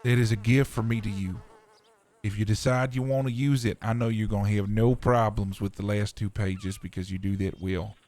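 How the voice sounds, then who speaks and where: A man's voice: fairly low pitch, fairly even intonation, moderate pace, a little mellow, natural voice. A man playing an earnest, folksy frontier preacher and schoolteacher in a live roleplay. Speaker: roleplay streamer.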